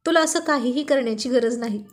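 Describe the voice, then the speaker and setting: A woman's voice: high voice, brisk, natural voice. A woman doing a teasing young husband. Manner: teasing, mock-scolding.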